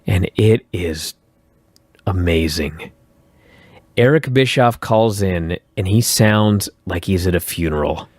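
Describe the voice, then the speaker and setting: A man hosting a podcast, recapping old wrestling shows in a profane, animated way and acting out quotes. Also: sits low, slow, no room sound. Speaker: podcast host.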